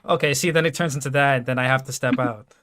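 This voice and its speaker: A man from New York co-hosting a casual podcast chat, animated and quick to laugh. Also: mid-range voice. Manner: animated, excitable, laughs a lot. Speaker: podcast co-host.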